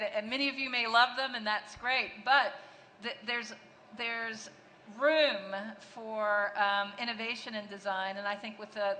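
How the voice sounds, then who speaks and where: A woman's voice: a little high, sharp tone. A woman executive answering questions on a conference panel, fluent but restarting her phrases often. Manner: fluent, with frequent restarts and fillers. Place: large conference hall. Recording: long hall reverb, faint noise.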